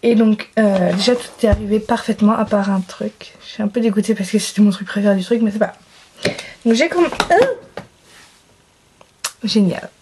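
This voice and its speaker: A woman vlogger chatting casually to camera at home about a makeup haul, gushing about products and often pausing with hesitant fillers. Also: medium pitch, darkish tone, a little hiss or hum. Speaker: beauty vlogger.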